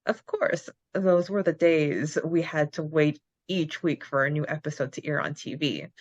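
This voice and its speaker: A woman co-hosts a casual fan podcast, reading questions and answers aloud and chatting in quick bursts with frequent laughter. Her voice sits low with a steady tone. The recording is dry, dull, and lo-fi.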